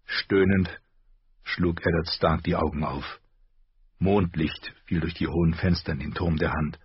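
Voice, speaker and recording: A man reading an audiobook in measured, scripted narration. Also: sits low, steady tone, husky, no echo, lo-fi sound. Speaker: audiobook reader.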